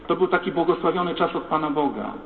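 A priest preaching a sermon, his slightly high voice turning to the congregation with questions and appeals. The sound is tinny and phone-like. It rings with a long echo through a large church hall. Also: fast, recorded from a distance. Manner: rhetorical, addresses the congregation directly.

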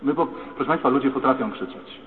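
A man preaching a lively, dramatic sermon as a priest in a church. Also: medium pitch, fast talker. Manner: lively, dramatic, acts out shouting voices. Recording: echoey church, tinny phone-like sound.

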